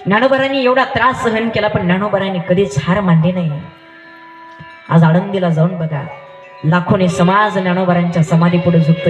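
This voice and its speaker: A man's voice: high-pitched, highs cut off. Emphatic sing-song male preacher. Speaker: kirtan preacher. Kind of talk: devotional sermon with storytelling. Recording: roomy echo with live music behind.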